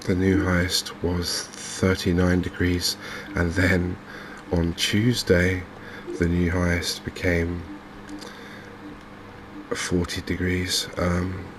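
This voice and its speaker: This gaming video host is an English man with a low voice who narrates gameplay in a gentle ASMR style, speaking softly, slowly and with some hesitation. Steady background noise is clearly audible.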